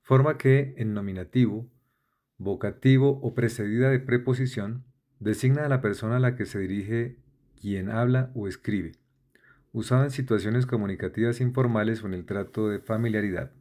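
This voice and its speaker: A man reading a vocabulary list aloud in a measured, deliberate way, spelling out letters and giving definitions. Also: lowish voice, dark tone. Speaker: vocabulary instructor. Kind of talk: slow dictionary-style reading of a word list.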